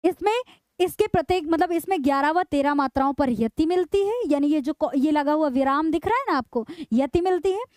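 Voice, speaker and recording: A woman runs a live online exam-prep lesson, asking her students questions and answering them herself. Her voice sits very high. The sound is dry and close, with no room around it. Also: lively intonation, fairly quick, darkish tone, no room sound. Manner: repeats key points, coaxing questions to students. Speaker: online Hindi teacher.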